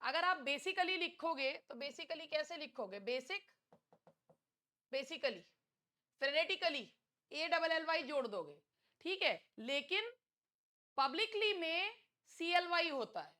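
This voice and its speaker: A young woman teaching an English exam-prep lesson, chatty and teasing, reading questions out slowly. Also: sits high, lively intonation, sharp tone. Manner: chatty, scolding, teasing students.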